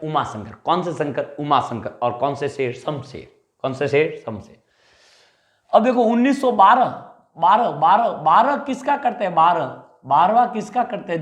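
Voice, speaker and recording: A male teacher drills memory tricks for an exam, firing questions and answering them himself. His voice sits fairly high and swings up and down. The room around him is echoey. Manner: animated, repeats answers as call-and-response drills. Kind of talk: mnemonic lecture.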